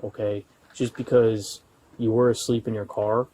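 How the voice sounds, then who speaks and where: A man's voice: on the low side, level tone, a little slow, dark tone. A male police officer questioning a driver patiently, with many hesitant fillers. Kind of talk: calm on-duty questioning. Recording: body camera audio with faint noise.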